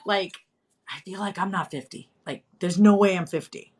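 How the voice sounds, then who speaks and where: A woman's voice: medium pitch, normal speed, breathy edge. Chatty woman in her fifties. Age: 50s. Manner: chatty, animated, candid, self-deprecating humor. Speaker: live stream guest. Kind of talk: casual chat.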